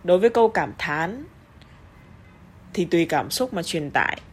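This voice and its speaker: A Vietnamese-accented woman with a fairly low voice leads an English pronunciation lesson. She is blunt and scolding in her asides, then reads the example sentences slowly, stretching the intonation. A faint hiss of background noise sits under her voice. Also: animated. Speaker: English teacher.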